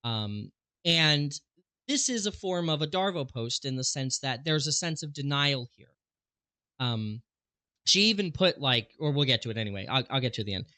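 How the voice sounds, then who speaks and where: A man's voice: mid-range voice, lively intonation, normal speed, pushed and bright, no echo. A man hosting a show, talking casually through examples with frequent fillers and restarts. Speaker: host. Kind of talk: casual commentary on a presentation.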